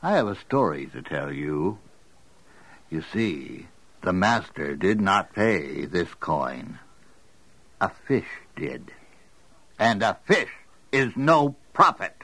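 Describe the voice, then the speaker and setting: A man's voice: deep voice, sing-song, takes it slowly, long pauses, a bit bright, heavily acted. An actor playing a plain-spoken, good-natured fisherman disciple in a Bible audio drama, hearty in manner. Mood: confident.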